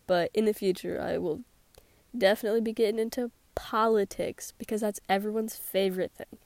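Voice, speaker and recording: A teenage girl with a sore throat hosts her own casual solo podcast from a small closet, sarcastic, rambling and laughing often. Her medium-pitched voice is brisk, fairly even in intonation and a little mellow, with no echo.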